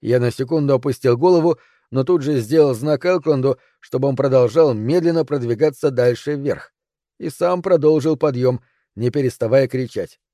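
A man narrating a first-person audiobook in a steady, even storytelling manner. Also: mid-range voice, normal speed, dry recording, studio quality.

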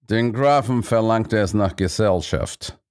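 Guy doing a smooth shifty diplomat, calm and measured, low-ish voice.

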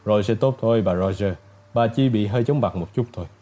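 A male narrator playing a calm male doctor who speaks gently and reassuringly. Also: on the low side, fast, lightly acted. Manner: soothing, gentle.

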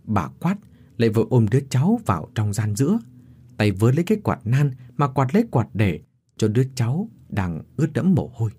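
A man's voice: medium pitch, a little fast, husky. A man narrating a story expressively, acting out all the characters. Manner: expressive, acts out every character.

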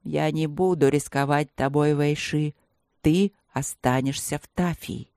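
A reader voicing a wise old grandfather tiger who speaks in an unhurried sing-song. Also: mid-range voice, steady tone, creaky, darkish tone, no room sound, studio quality. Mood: calm.

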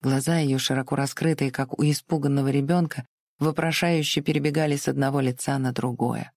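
An audiobook narrator reading a novel in a measured, expressive way. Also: medium pitch, dry recording, studio quality. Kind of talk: literary narration.

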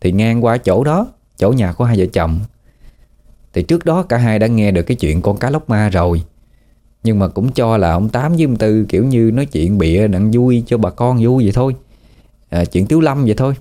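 Low, mellow Southern Vietnamese storyteller. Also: male voice, a little fast. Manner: relaxed, folksy, with fillers. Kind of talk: ghost story narration.

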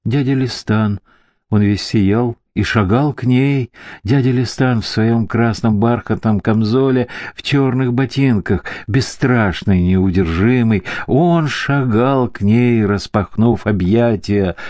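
A man narrating a dark fantasy audiobook in a measured, theatrical manner on a close mic. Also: mid-range voice, dry recording.

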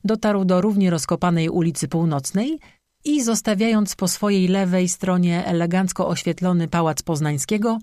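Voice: mid-range voice, dark tone, no room sound, studio quality. An audiobook narrator reading an urban fantasy tale with a wry, sarcastic edge.

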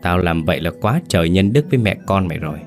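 A man's voice: low-pitched, a little fast, faint music behind, close to an everyday voice. A man voicing a cold, bullying young village teacher who talks down harshly.

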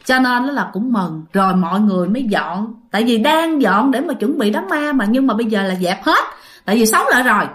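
Woman, fairly high voice, chatty ghost-story teller who keeps speaking to her listeners. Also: animated, fairly quick, a bit bright. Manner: chatty, addresses listeners directly, many fillers. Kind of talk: spoken ghost story telling.

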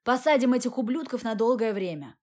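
A woman voicing a brisk, businesslike male prosecutor in a read-aloud story. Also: fairly high pitch, animated, a little mellow.

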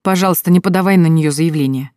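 A woman's voice: low-pitched, fast talker, dark tone, dry recording, studio quality, close to an everyday voice. A woman reading a desperate pleading man. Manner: pleading, urgent.

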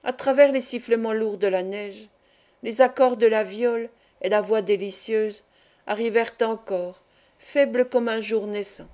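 A woman narrating a classic literary tale as an audiobook reader, in a measured, expressive reading. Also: fairly high pitch.

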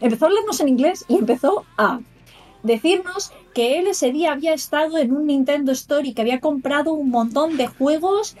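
Woman, a bit high-pitched, casual and animated podcast co-host mimicking others as she tells a story. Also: a little fast, faint music behind. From Spain. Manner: animated, quotes people in put-on voices.

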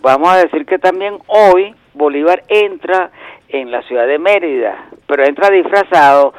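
A man's voice: fairly high pitch, moderate pace, dry recording. A man in his sixties calling in to a radio show, chatting in a rambling way and trading wordplay. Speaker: regular phone-in contributor. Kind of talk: casual radio chat by phone. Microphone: telephone. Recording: dull lo-fi phone line, dry.

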